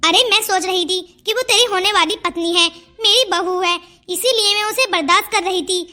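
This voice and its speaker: A woman's voice: very high voice, moderate pace, bright, forceful tone. A woman voicing a stern, bossy older mother in a cartoon story. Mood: angry scolding. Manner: scolding, bossy. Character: stern strict older Indian mother-in-law. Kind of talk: cartoon voice acting.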